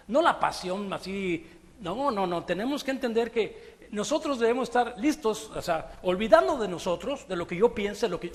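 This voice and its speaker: High-voiced man preaching in a hall. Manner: conversational, animated preaching with rhetorical questions. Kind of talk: sermon. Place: church hall.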